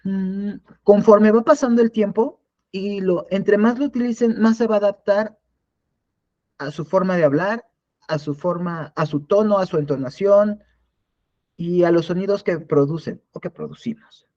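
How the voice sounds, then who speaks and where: A man's voice: sits high, moderate pace, a little mellow, dull audio. A man teaching a live online class in a conversational way, often restarting and repeating words. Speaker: instructor.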